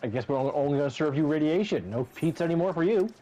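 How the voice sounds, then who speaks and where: A man's voice: on the high side, animated, quick pace, mellow, low-quality recording. A man bantering casually and jokingly over a game.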